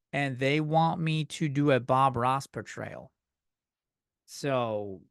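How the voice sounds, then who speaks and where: In clean, echo-free studio sound, a man in his 30s hosts a solo comedy podcast, his medium-pitched voice fairly bright. He rambles and rants with plenty of profanity and self-deprecating humor.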